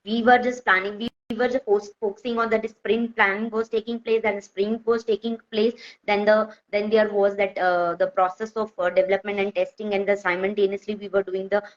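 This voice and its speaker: A woman with a North Indian accent explaining informally with examples, in halting, repetitive phrases that she often corrects as she goes. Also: medium pitch, little pitch movement. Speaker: software testing expert, guest speaker. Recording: dull, lo-fi audio.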